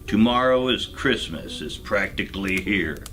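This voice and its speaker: A man plays a sour old storybook monster who snarls his schemes in a low, forceful voice. He growls slowly and deliberately, grouchy and conniving, over soft music. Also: expressive. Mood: grumbling, annoyed. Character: grouchy old male Grinch, sour, scheming Christmas hater.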